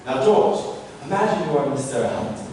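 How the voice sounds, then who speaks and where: A man's voice: a little high, animated, brisk, a little mellow, lightly acted. Male actor as pompous rich suitor, rehearsing a proposal, grand theatrical delivery, easily exasperated, long hall reverb, background noise. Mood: pompous, flustered. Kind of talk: theatrical stage comedy acting. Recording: echoey hall from far off, noisy.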